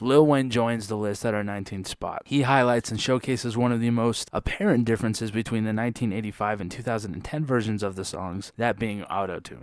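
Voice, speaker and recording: A man's voice: medium pitch, smooth, dry recording, studio quality. A man hosting a casual ranking commentary, sarcastic and joking, with playful jabs. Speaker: host.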